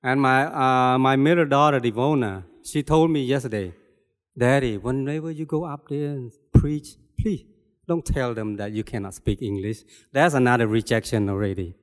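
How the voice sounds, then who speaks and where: An older Cambodian-accented man preaches his testimony in a plain, earnest way, repeating himself as he searches for words. His voice is smooth and resonant, with a long reverb trailing off in a church hall. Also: medium pitch. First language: Khmer. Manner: earnest, halting, plainspoken with repetitions. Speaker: lay preacher. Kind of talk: personal testimony sermon.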